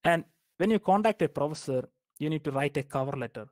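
A man's voice: on the high side, animated, brisk, a little mellow, no echo. A young man from Kerala, India, giving informal advice on graduate school applications, speaking hesitantly with many fillers and restarts. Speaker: guest speaker. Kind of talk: informal academic advice talk.

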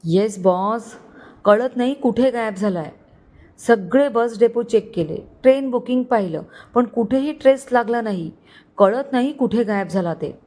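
A woman's voice: on the high side, a little slow, a little mellow, natural voice. A woman voicing a loyal young male henchman who reports in a tired, frustrated way.

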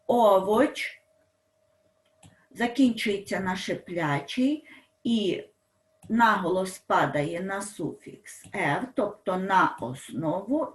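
A woman teaching a school language lesson, explaining slowly, stressing example words and asking her pupils questions. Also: mid-range voice, roomy sound.

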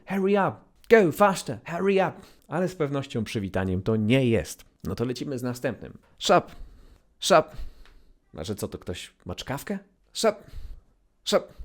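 A man teaching English greetings, playful, repeating example phrases with exaggerated swings in pitch and loudness. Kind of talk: online language lesson.

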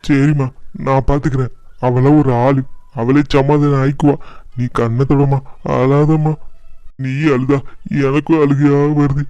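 A man's voice: mid-range voice, flat delivery, unhurried, pauses often, mellow, smooth, no echo, lightly acted. Man voicing a weary, grumbling cartoon elder brother. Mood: consoling. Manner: exasperated, pleading, grumbling. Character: weary middle-aged husband and elder brother. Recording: dull lo-fi dry sound.

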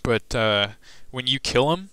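A man's voice: medium pitch, animated, unhurried, sharp tone, smooth, no room sound. A teenage guy casually narrating a gameplay walkthrough, rambling loosely with lots of fillers and restarts. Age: teens. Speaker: gaming video host.

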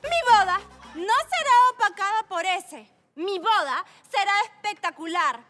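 Spoiled posh young bride, extremely high. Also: female voice, animated, a little slow, music in the background. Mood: whiny, indignant. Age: young adult. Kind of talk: telenovela comedy acting.

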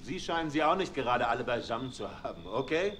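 A man's voice: mid-range voice, sing-song, fast talker, background noise, lightly acted. An actor playing a commanding, distrustful male sheriff's deputy in a dubbed game scene. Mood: stern. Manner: commanding, dismissive. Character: gruff adult male rural deputy, distrustful.

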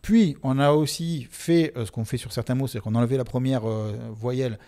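Man, Marseille accent, sociolinguist guest, casual interview, expressive explainer, mellow warm voice. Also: mid-range voice, a little fast. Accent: Marseille French. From Marseille, France. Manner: lively, expressive explainer, demonstrates pronunciations.

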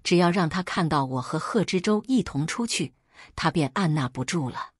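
Storyteller, woman, husky low voice, lively expressive delivery, dry sound. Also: moderate pace, no echo. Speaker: narrator. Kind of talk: storytelling narration.

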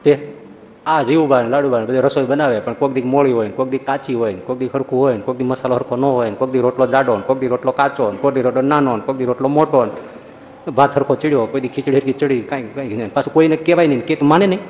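A man giving a humorous religious talk, telling anecdotes in a lively storytelling way and acting out the people in them. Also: mid-range voice, fast talker, slight background noise. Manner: storytelling, animated, acts out quoted voices. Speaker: preacher. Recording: long hall reverb.

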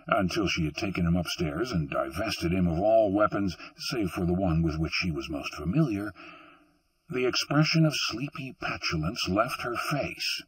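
A man reading an audiobook in a measured, deliberate narration with a husky voice. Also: low-pitched, dry recording, far from the mic, low-quality recording. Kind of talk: scripted narration.

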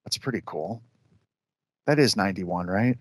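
A man's voice: sits low, expressive, no room sound. Upbeat man calling out cards. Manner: upbeat, names each card quickly with short reactions. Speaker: show host opening card packs. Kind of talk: casual chat, calling out cards.

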